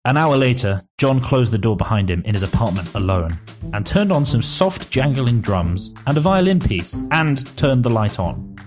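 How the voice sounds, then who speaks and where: Over music, a very animated man at medium pitch narrates a generated comic story at normal speed. His reading stays even, but he breaks off to laugh and banter with his podcast co-host about the silly tale.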